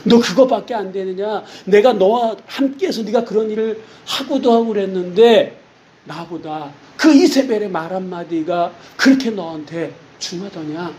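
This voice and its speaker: A man's voice: very high-pitched, a little fast, few pauses, warm tone, pitched above the performer's own voice. A man voicing God as a reproachful figure who scolds a runaway prophet with indignant rhetorical questions.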